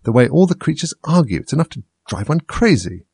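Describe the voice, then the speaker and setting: A man's voice: medium pitch, sing-song, fairly quick, vocal fry, a little mellow, breathy edge, no room sound, voice pushed up, heavily acted. A man voicing Alice, a timid, polite young girl who asks earnest questions.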